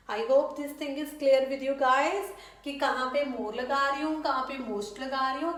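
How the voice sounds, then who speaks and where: A woman teacher with an Indian accent giving a grammar lesson, mixing Hindi and English and slowing down for each example sentence. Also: sits high, reverberant. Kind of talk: classroom-style grammar lesson.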